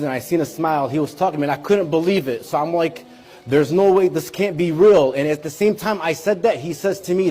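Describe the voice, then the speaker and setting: A man's voice: on the high side, a little mellow. A man in his forties telling an emotional personal testimony, earnest and heartfelt, with frequent restarts. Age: 40s. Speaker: speaker giving a personal testimony.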